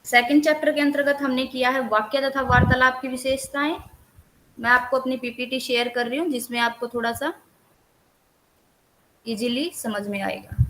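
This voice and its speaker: A woman teacher running an online class, going through a list of chapter topics at a steady, even pace. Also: high voice, rough recording. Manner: lists topics steadily with few pauses. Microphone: computer mic on a video call.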